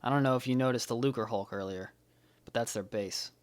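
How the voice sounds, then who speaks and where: A man's voice: medium pitch, brisk, smooth, natural voice. A man playing a guilt-ridden young male Jedi who speaks earnestly and blames himself. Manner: earnest, self-blaming, subdued.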